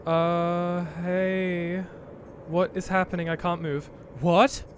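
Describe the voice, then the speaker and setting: A man's voice: high voice, level tone, takes it slowly, slight background noise. A man giving let's play commentary, thinking aloud in a hesitant way and easily startled. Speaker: gamer.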